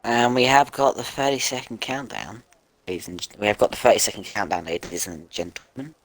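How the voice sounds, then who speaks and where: A man commentates on an online sim race in a chatty, casual way. He reels off grid positions and points in quick lists. His voice is bright and forceful. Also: mid-range voice, lively intonation, no echo, low-quality recording.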